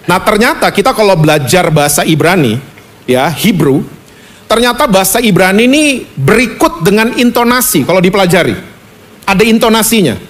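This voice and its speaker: A male pastor preaching a lively, conversational sermon at a church service, often asking the congregation questions. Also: high voice.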